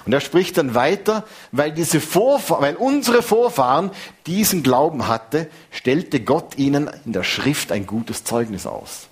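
Husky preacher in his fifties. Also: a little high, a little slow. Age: 50s. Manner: conversational, lively preaching with restarts. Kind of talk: sermon.

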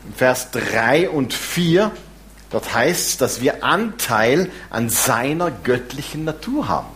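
A man preaching a sermon, lively and warm in his asides, with some self-deprecating humor. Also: mid-range voice, slow, a little hiss or hum. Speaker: pastor.

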